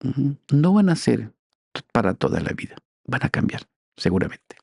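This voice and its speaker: A man being interviewed as a teacher, explaining in a slow, deliberate, teacherly way and spelling out syllables. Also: medium pitch, very animated, gravelly, darkish tone, breathy edge, dry recording, studio quality. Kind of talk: interview, explaining language history.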